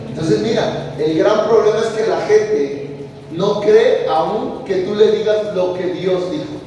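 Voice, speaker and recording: High-voiced preacher in an echoey hall. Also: male voice, darkish tone, a little hiss or hum. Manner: preaching with emphatic rising and falling delivery. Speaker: pastor. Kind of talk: sermon. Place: large church hall. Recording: echoey hall heard from a distance.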